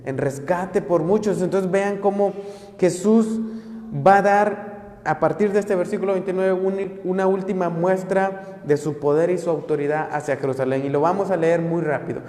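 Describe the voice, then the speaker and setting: Earnest high-voiced man preaching in an echoey hall. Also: warm tone. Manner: earnest, repeats words and hesitates with frequent fillers; slows down to stress key phrases. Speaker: Bible teacher. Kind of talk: Bible study sermon. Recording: echoey room with long reverb.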